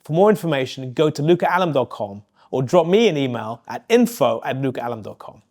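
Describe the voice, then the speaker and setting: A man's voice: mid-range voice, very animated, fast talker, darkish tone. Friendly man in his forties hosting a podcast. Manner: friendly, probing, promotional in the ad read. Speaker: podcast host and interviewer. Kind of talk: interview questions and ad read.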